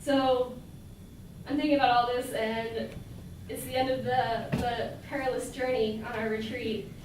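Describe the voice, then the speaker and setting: A woman's voice: on the high side, little pitch movement, unhurried. A young woman telling a personal story before a live audience, chatty, with many filler words and frequent laughter. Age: young adult. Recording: echoey hall, mic from a distance, noisy.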